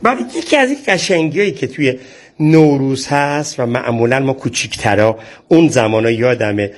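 A man's voice: mid-range voice, lively intonation. A man working as a radio reporter, interviewing in an effusively courteous, chatty way.

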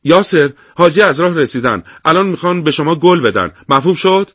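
A man voicing a hurried young male radio operator who calls over the set eagerly. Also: a little high, lively intonation, fairly bright tone, dry recording, studio quality, pitched above the performer's own voice. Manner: breathless, eager.

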